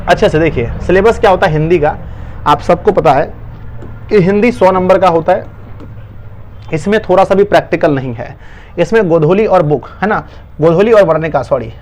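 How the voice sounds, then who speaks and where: A male online tutor with a Bihari Hindi accent, giving an urgent, coaxing exam-prep lesson to students. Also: fairly high pitch.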